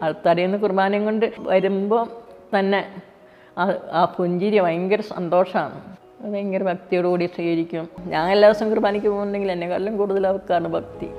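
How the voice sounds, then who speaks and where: A middle-aged woman, a mother, telling a personal faith story in quick, plain speech full of restarts. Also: medium pitch, steady tone. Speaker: mother giving a faith testimony. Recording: dull, reverberant, with soft music behind.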